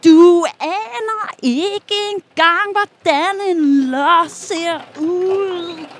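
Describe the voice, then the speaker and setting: A woman's voice: very high-pitched, a little hiss or hum. A woman playing a sulky, stubborn young woman. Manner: sulky, defiant. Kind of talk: Danish audio drama.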